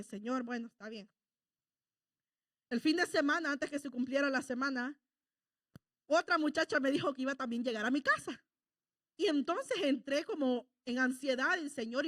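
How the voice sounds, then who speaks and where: A woman's voice: high voice, a bit bright, dry recording, studio quality. A woman preacher giving a sermon, telling stories and acting out her conversations with God and the devil, often asking the congregation for agreement. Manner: storytelling, acts out dialogue with God and the devil.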